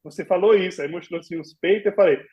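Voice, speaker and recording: A man's voice: high-pitched, fast, very noisy. A man with a Brazilian accent, a podcast guest casually telling stories and acting out the dialogue. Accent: Brazilian Portuguese. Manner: animated, acts out remembered dialogue with laughs and exclamations. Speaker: podcast guest, former au pair. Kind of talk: casual storytelling in a podcast interview.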